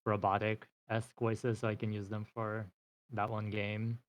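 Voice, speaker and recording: A man in casual chat on a voice call, relaxed and offhand while adjusting his audio settings. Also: lowish voice, unhurried. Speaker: friend on a voice call.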